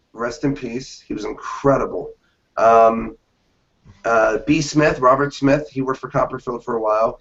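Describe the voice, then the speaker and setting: A man's voice: medium pitch, gravelly. A man in his late thirties, a magician telling stories in a casual interview and acting out the reactions of the people in them. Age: 30s. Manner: animated storyteller, acts out quoted reactions. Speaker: magician guest. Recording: dull lo-fi interview audio.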